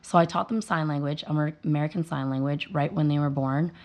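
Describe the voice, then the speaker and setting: A woman in her thirties, a mother and dental hygienist, is the guest in a casual interview conversation. She tells earnest stories with animation, acting out the dialogue, in a deep voice at a quick pace.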